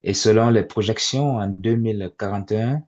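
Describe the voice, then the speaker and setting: A low-pitched man in his forties leads a webinar for parents. His talk is halting and full of fillers and repeated words, and it comes through dull, lo-fi video-call audio. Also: darkish tone. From immigrant to Canada. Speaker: webinar facilitator.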